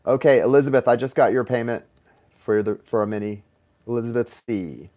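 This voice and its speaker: A man's voice: mid-range voice, a little fast, mellow. A man hosting a live tarot stream, chatting casually, reading viewer comments aloud and laughing easily.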